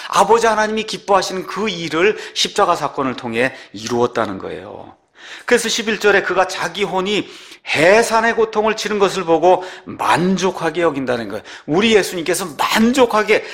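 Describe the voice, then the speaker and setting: A male pastor delivering a sermon in a fairly high voice that swings widely in pitch. He slows down to read scripture and keeps putting rhetorical questions to the congregation. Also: fairly bright tone. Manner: reads scripture slowly, rises and drops sharply in pitch.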